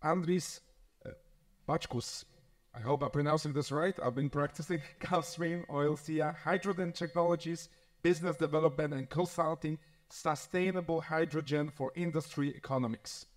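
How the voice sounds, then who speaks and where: A man's voice: a little high, fairly even intonation, normal speed. Hesitant male panel moderator. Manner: hesitant, many fillers, polite. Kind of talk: formal event hosting.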